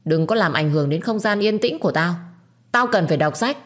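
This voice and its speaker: A woman voicing a gruff, grumpy old man who talks curtly. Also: lowish voice, expressive, a little fast, natural voice. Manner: curt and grumbling.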